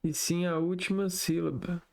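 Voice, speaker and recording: A man working through exam exercises aloud, slowly reading out words one by one and thinking aloud. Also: high-pitched, flat delivery, vocal fry, darkish tone, slight background noise. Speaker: exam tutor.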